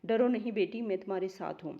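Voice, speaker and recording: A woman's voice: medium pitch, lightly acted. Woman putting on a kind middle-aged nurse, soothing, comforting, storybook voice, slightly dull recording. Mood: gentle.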